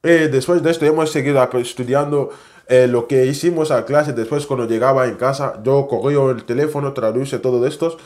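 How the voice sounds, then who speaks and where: A man's voice: medium pitch, brisk. Chatty young man. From West Africa. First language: French. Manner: animated, chatty, non-native Spanish with tag questions. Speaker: vlogger. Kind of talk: casual storytelling to camera.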